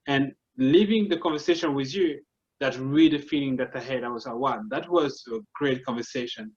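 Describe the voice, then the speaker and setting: This lo-fi clip features a mid-range male voice at a moderate pace. The speaker, a Congolese French-accented marketing consultant on an interview, lays out his thinking earnestly one step at a time, frequently starting sentences over in a relaxed, explanatory way.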